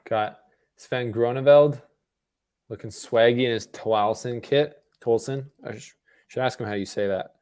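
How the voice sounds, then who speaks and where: Speaking at a normal speed, a young man from Canada chats his way through a tennis match for viewers of his live stream, sitting in a room at home. His pitch is ordinary and middling, and his loose commentary wanders with fillers, restarts and corrections of himself.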